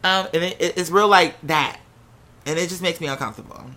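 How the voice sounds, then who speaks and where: Speaking a little fast, an American storyteller with a forceful, bright, mid-range voice spills personal drama to an audience. The tone is casual, open and spirited, sprinkled with swearing, and whenever someone is quoted, the speaker acts the line out.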